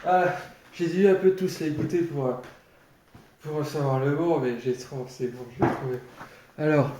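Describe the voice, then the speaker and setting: A man improvising a theatrical tirade in a sardonic, mock-polite way, halting and repeating his words. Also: a little high, steady tone, warm tone. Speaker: amateur actor improvising a monologue. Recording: roomy echo, clearly noisy background, clicks.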